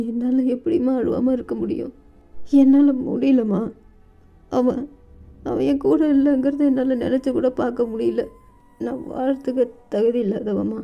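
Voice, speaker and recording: A woman's voice: on the high side, creaky. A woman voicing a grieving young woman who stammers and pleads through tears, in a storybook reading. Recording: dull lo-fi recording with faint music.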